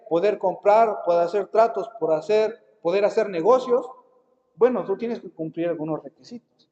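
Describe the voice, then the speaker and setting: A man's voice: sits high, a little mellow. A man preaching a sermon as pastor, often repeating and restarting words. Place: church hall. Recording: dull lo-fi recording with long hall reverb.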